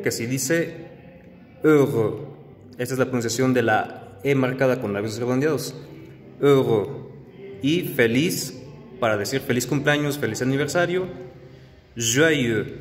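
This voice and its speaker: A man teaching pronunciation slowly and carefully, demonstrating each sound. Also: medium pitch. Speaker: language teacher. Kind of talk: slow pronunciation lesson. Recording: long reverb with faint background noise.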